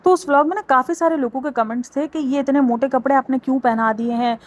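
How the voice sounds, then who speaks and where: A woman's voice: high voice, quick pace. A young woman vlogger giving mocking, chatty commentary as she reviews a family's videos. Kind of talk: casual gossip commentary.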